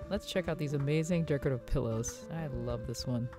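A woman's voice: extremely low pitch, brisk. A woman narrating a shopping vlog about antiques and home decor in an enthusiastic, gushing way. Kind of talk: casual shopping vlog voice-over. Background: soft guitar music.

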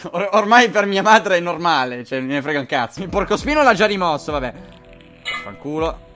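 A young man giving crude, sarcastic commentary while playing a game, often yelling. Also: sits high, animated, brisk, faint music behind. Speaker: gaming video host. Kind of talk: casual gameplay commentary.

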